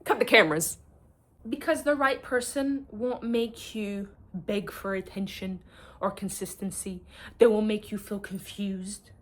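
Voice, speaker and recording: A woman's voice: mid-range voice, steady tone, measured pace. A woman giving casual, emphatic relationship advice to camera, calling the listener honey and darling and slipping Arabic and French words into her English. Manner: calls the viewer honey and darling. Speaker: advice vlogger.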